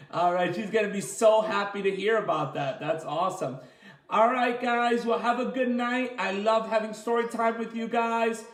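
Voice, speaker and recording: The echoey recording captures a man with a high-pitched voice coaching children through martial arts story time. Chatty and interactive, he offers encouragement and praise and explains slowly and plainly, repeating himself.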